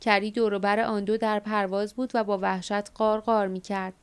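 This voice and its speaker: A woman narrating an audiobook in a measured, steady reading. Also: medium pitch, clean tone. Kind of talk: scripted narration.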